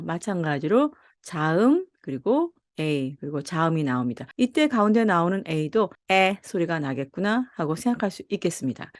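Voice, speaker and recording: A woman teaching English pronunciation in Korean, friendly and patient, slowing down to model each sound in an exaggerated way. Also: on the low side, no echo, studio quality. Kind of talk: phonics lesson, slow demonstrations.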